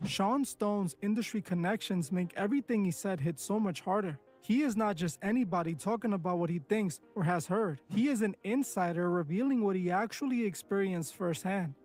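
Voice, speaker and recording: A man's voice: sits high, darkish tone. A man reading a scripted commentary narration with a dramatic, teasing build-up.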